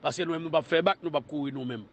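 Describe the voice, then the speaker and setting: A man with a Haitian Creole accent, making a defiant public declaration in a rhythmic, shouting delivery, from a played clip. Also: fairly high pitch, very fast, a little hiss or hum. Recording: dull clip with loud crowd chanting.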